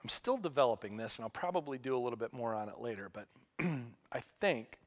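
A middle-aged man preaching as a pastor, telling stories in a relaxed, self-deprecating way. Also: medium pitch, fast. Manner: conversational, self-deprecating storytelling. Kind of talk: sermon.

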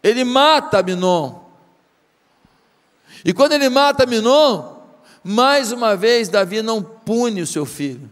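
A man's voice: high-pitched, expressive, unhurried, long pauses, a bit bright, in a large hall. A man with a Brazilian Portuguese accent preaching a sermon, retelling a story dramatically and firing rhetorical questions at the congregation. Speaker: pastor.

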